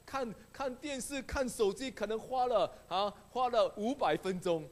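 A male pastor preaching a sermon, telling a story with animated delivery and acting out the voices of the people in it. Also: high voice, unhurried.

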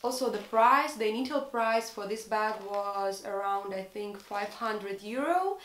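A young Russian woman with a Russian accent films a fashion haul vlog in her bedroom, where the room sounds echoey. Her mid-range voice has a fairly bright tone, and she chats earnestly, sometimes hunting for English words.

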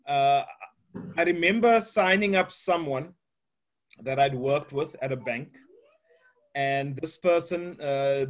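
A man hosting an interview over a video call from his home office, chatty and full of "uh, you know". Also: on the high side. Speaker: host. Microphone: webcam on video call.

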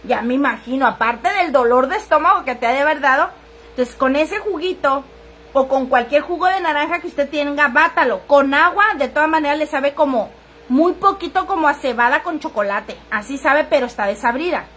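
Chatty high-voiced woman livestreaming. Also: fairly quick, fairly bright tone, a little hiss or hum. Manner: earthy, crude, chatty, reads viewers' comments aloud. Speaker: livestream seller. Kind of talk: casual livestream chat.

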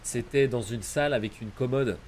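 A man's voice: mid-range voice, moderate pace, a little mellow, a little hiss or hum. A man giving live gameplay commentary as a streamer, chatty, swearing and greeting viewers in chat by name. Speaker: gaming streamer.

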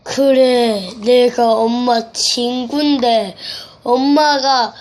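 A child voicing a rough-voiced ghost who tricks a kid into opening the door, teasing and playful. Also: male voice, very high-pitched, steady tone, drawn-out words, full character voice. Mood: coaxing. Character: rough-voiced male ghost pretending to be a woman.

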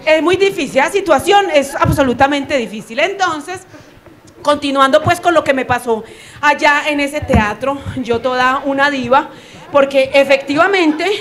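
A woman's voice: high-pitched, fairly bright tone. A young adult woman with a Colombian accent telling a stand-up story, acting out the quoted voices and laughing as she goes. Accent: Colombian Spanish. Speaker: stand-up comedian.

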